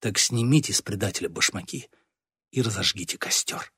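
A man's voice: fairly low pitch, a little fast, pushed and bright, husky, no echo, heavily acted. A man voicing a stern, scheming boy who leads a village gang and accuses and threatens his troops. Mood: cold. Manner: commanding, accusing.

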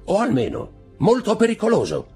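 A man's voice: high voice, wildly swooping pitch, normal speed, darkish tone, husky, faint music behind, pitched above the performer's own voice, exaggerated voice. A man doing a fawning Roman innkeeper. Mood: warning. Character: obsequious Roman innkeeper, middle-aged man.

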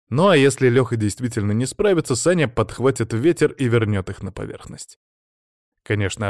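A man reading fantasy-adventure narration in a steady, even storytelling manner. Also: medium pitch, dry recording, studio quality. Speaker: audiobook narrator. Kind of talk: scripted narration.

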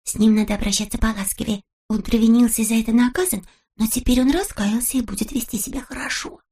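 A woman voicing a fussing little girl who coos with pity in a very high voice. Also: fast, dark tone, husky. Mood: confiding. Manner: very high, cooing, then whispering.

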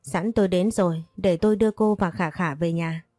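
A woman narrator voicing a kind, gentle young man in an audiobook story. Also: fairly low pitch, fairly even intonation, normal speed, no echo, lightly acted.

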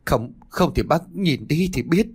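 A man's voice: expressive, unhurried, darkish tone, husky. A man playing a panicked young villager shrieking out. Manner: shrill, alarmed outbursts.

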